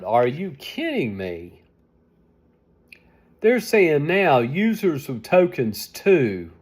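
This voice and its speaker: Slow, rambling seventy-year-old man. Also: medium pitch, darkish tone. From United States. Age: 70s. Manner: rambling, complaining, repeating himself. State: sleepy and tired. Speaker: vlogger. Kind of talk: casual vlog monologue.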